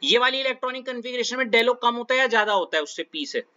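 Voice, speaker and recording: Bright-voiced male chemistry teacher. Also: very high-pitched, expressive, very fast, lo-fi sound. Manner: coaxing, checks understanding often. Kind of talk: classroom lecture.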